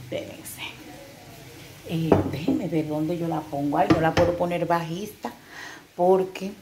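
A woman's voice: lowish voice, unhurried, very noisy. An older woman hosting a casual cooking vlog at home, chatting to her viewers as she cooks. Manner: chatty, talks to viewers as "chicas". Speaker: cooking channel host. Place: home kitchen. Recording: echoey kitchen with clattering pots.

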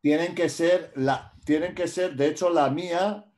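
A man from the Basque Country chatting excitedly and thinking aloud on a video call. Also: fairly high pitch, unhurried. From Basque Country, Spain. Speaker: co-host. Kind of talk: casual video-call chat. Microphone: video call with earphones.

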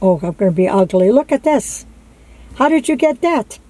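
A woman's voice: a little high, animated, moderate pace, dark tone, slightly rough. Plainspoken elderly grandmother. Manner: plainspoken, blunt, short replies. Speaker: grandmother in her grandson's vlog. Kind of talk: casual chat. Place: inside a car. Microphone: camera in front at arm's length.

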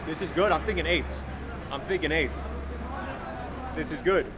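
A man's voice: on the high side, normal speed. Man talking with his mouth full. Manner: chatty, repeats short phrases. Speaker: pizza reviewer. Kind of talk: casual on-the-street pizza review. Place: outdoors on a busy city street. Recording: loud street noise outdoors. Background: traffic and street noise.

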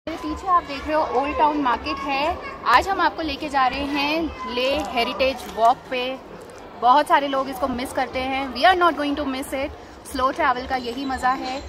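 High-voiced chatty woman travel vlogger. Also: fairly even intonation, a little slow, a crowd in the background. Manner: chatty, mixes English into Hindi, laughs often. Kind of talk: casual travel vlog. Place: outdoors in a mountain town. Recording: noisy outdoor background.

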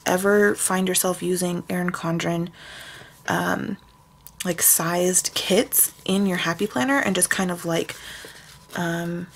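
A woman's voice: on the low side, fairly even intonation, takes it slowly, creaky, a little hiss or hum. A young woman chatting casually in a plan-with-me vlog, rambling with many fillers as she plans out her week. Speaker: planner sticker shop owner.

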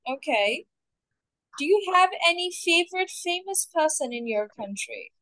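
High-voiced woman examiner, dry sound. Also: animated, pushed and bright, no echo. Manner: clear, measured questioning. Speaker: English test coach. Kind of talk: mock speaking test examiner.

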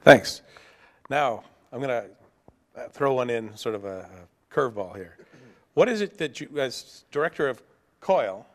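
A man's voice: medium pitch, expressive, measured pace. A man moderating a panel discussion, putting questions with dry joking asides.

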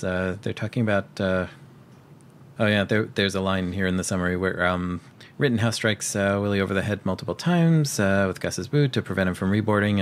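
A man's voice: low voice, a little hiss or hum. A man co-hosting a podcast, casually retelling a film's plot with lots of fillers and restarts. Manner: rambling with frequent fillers and restarts. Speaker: podcast co-host. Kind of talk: casual film recap chat.

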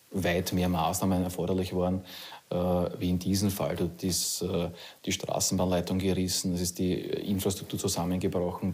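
A man in his thirties with an Austrian accent, a rescue service officer giving a measured interview outdoors at night. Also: sits low, darkish tone, slightly rough. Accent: Austrian German.

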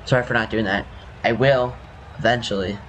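A man's voice: fairly low pitch, fairly even intonation, brisk, a bit bright. A young man giving casual, rambling commentary over his own gameplay, his voice scratchy from just waking up. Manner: rambling, self-correcting, apologetic. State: scratchy morning voice. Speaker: gaming youtuber.

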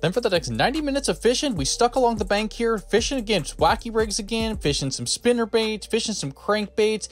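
A man's voice: high voice, brisk, few pauses. A man in his thirties hosting a fishing vlog, narrating upbeat and whooping when he lands a fish. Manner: upbeat, excited whoops on catches. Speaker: fishing vlogger. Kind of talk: voice-over narration and live reactions. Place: small fishing boat on a river outdoors.

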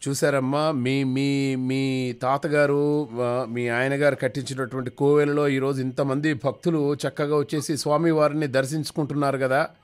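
A man's voice: medium pitch, little pitch movement, moderate pace, clean tone. Male radio host chatting with callers. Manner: friendly, affirming. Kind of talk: radio phone-in and comic storytelling.

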